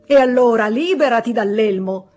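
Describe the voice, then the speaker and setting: A woman's voice: mid-range voice, big pitch swings, measured pace, a little mellow, slightly rough, faint music behind, heavily acted. A woman voicing an irritable, stern male schoolteacher who barks commands at his class. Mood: stern barking. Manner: barking, indignant commands.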